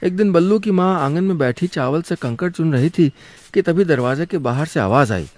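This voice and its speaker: A man narrating a scripted story on his radio show, in a lively and expressive way. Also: fairly high pitch, normal speed, no room sound. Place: radio studio.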